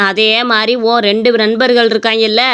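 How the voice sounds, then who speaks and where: A woman voicing a sly, talkative older male moneylender in an animated story, speaking in a drawling, coaxing way. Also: on the high side, moderate pace, clear, resonant tone, natural voice. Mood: scheming.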